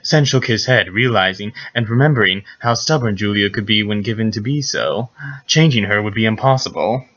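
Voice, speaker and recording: A man's voice: lowish voice, lively intonation, a little fast, fairly bright tone. A man narrating a mock dramatic reading with sarcastic, theatrical commentary. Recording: dull lo-fi recording.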